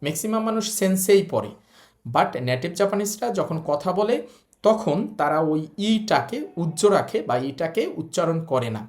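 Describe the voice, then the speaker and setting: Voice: mid-range voice, expressive, moderate pace, darkish tone. A language teacher gives a recorded lesson. The teacher explains patiently, repeating points and spelling out syllables one by one.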